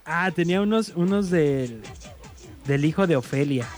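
A man's voice: fairly high pitch, lively intonation, moderate pace, faint music behind. A man hosts a morning radio joke segment, reading sponsor plugs and acting out the voices in his jokes.

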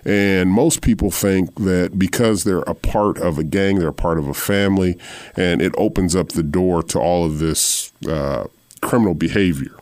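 A male radio host with a very deep voice, recorded close and dry. He asks long, earnest questions, pausing on "uh" as he builds them. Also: darkish tone, no echo. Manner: measured, earnest questioning with "uh" fillers. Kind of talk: radio interview.

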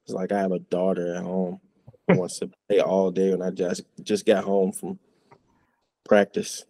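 A young man from the Chicago area, a college football player, appears as a guest in a casual interview chat. His low voice moves at a moderate pace with no echo, and his relaxed, laid-back manner tends to trail off softly.

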